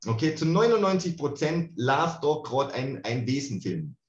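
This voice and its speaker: A man's voice: medium pitch, moderate pace. A man gives an online lecture on spiritual healing, talking animatedly and casually and often checking in with "okay?". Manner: animated, colloquial, keeps asking "okay?". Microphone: video call. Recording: roomy, dull video-call audio.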